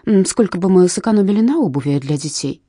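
Brief: woman reader as a soft, persuasive storybook mother, warm tone, lively pitch. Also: fast talker, breathy edge, no echo, studio quality. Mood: coaxing. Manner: coaxing, wistful. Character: practical mother, gently persuasive.

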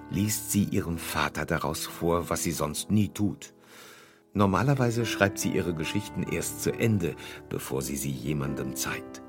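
A male narrator with a very deep voice reading a documentary script. His delivery is measured yet lively in pitch. Faint music runs underneath.

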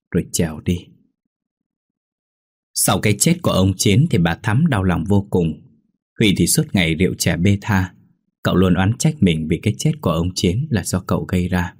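A man narrating a ghost story in a steady, measured reading voice. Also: deep voice, husky.

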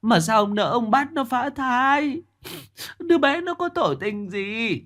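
A man's voice: very high-pitched, expressive, measured pace, a bit bright, voice pushed up, heavily acted. A man voicing a frightened middle-aged village wife who begs her husband in a tearful, pleading voice.

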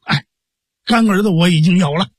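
Man as a grave older hero, terse and calm, high voice, husky. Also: normal speed, no echo, clean studio sound.

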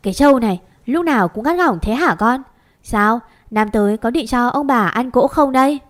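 A woman's voice: a little high, animated, normal speed, close to an everyday voice. A woman voicing an old grandmother who scolds fondly and gives homely advice. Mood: chiding.

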